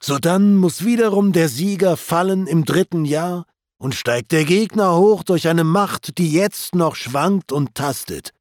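A man's voice: fairly high pitch, unhurried, a little mellow, dry recording, clean studio sound, voice pushed up, lightly acted. A man reading the part of a lamenting male glutton's ghost in an epic poem, with raised, pleading declamation.

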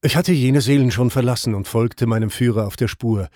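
Brief: male audiobook reader, measured verse narration, mellow tone, dry close sound. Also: medium pitch, no echo. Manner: measured, even reading. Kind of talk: scripted narration of classic poetry.

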